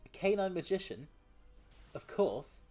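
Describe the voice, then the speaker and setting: A man streams a game and chats casually with viewers, reading chat aloud, laughing often and now and then tripping over words. His voice is high and dark-toned, with big pitch swings at a measured pace. Faint music plays behind him.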